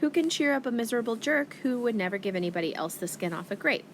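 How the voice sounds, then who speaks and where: A woman reading a first-person audiobook in a wry, expressive teenage-girl voice. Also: fairly high pitch, fast, slight background noise. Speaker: audiobook narrator.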